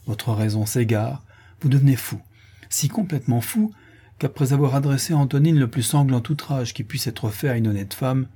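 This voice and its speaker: A man reading an audiobook and voicing a gracious, kind society woman who speaks in a measured, reassuring way. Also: medium pitch, dark tone, husky, lightly acted. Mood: firm.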